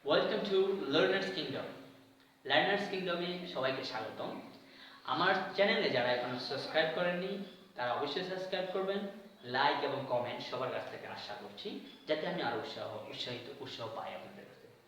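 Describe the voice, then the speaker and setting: A man's voice: fairly high pitch, expressive, normal speed, a bit bright, a little hiss or hum. A man teaching English grammar in a lesson, explaining patiently and repeating each word and sound. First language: Bengali. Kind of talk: explanatory classroom-style lesson. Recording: very echoey room, mic at a distance.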